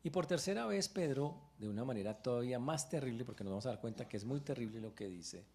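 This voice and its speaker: A man preaching a sermon as pastor in church, retelling a story with lively exclamations. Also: mid-range voice, fast.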